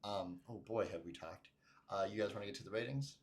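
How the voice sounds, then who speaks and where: Low-voiced male co-host, chatty and animated, mimics characters while retelling. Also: brisk. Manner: animated storyteller, acts out quotes. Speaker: podcast co-host. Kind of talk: casual chat.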